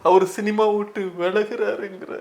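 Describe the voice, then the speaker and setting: A man's voice: sits high, level tone, moderate pace, vocal fry, a little mellow. A man with a Tamil accent, a film director in an interview, talking through tears and pleading. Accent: Tamil Nadu. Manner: tearful and pleading, voice breaking while talking. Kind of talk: emotional interview answers.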